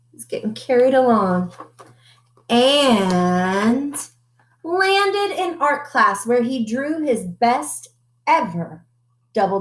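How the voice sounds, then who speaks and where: A woman reading a picture book aloud to children, animated and stopping to ask her listeners questions. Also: a little high, echoey room.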